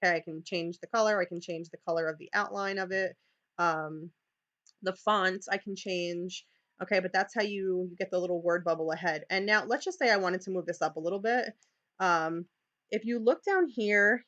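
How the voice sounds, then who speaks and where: Here a woman with a New York accent leads teachers through a live screen-share tutorial, chatty and prone to restarts and "okay"s. Her mid-range voice is a bit bright, and the highs are cut off.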